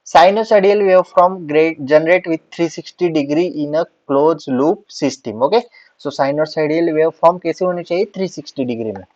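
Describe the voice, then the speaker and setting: A male teacher giving an exam revision lecture, mixing English and Hindi and reading definitions slowly. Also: fairly high pitch, darkish tone, no echo, muffled recording.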